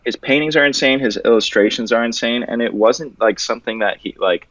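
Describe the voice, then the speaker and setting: A young man from Venezuela, talking casually and joking as a guest artist, loose and relaxed, with the odd swear word. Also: medium pitch, brisk. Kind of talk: casual interview chat. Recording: dull, dry audio.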